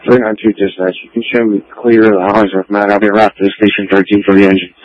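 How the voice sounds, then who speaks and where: A fire unit officer making clipped, businesslike calls to dispatch over a two-way radio. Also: male voice, lowish voice, flat delivery, fast talker, no room sound. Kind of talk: terse two-way radio traffic. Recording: muffled dull radio transmission.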